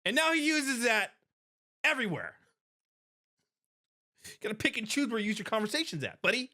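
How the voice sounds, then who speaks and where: Animated bright-voiced woman podcast host. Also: on the high side, brisk. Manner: animated and emphatic, with frequent restarts and laughs. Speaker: podcast host and private security expert. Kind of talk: casual commentary on a video clip.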